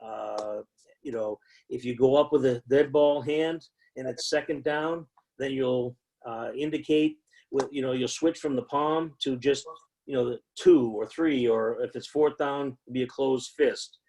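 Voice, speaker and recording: A man's voice: medium pitch, a little slow, darkish tone, poor audio. A man teaching new football officials in a conversational way, with frequent fillers and repeated emphasis. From United States. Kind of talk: instructional talk.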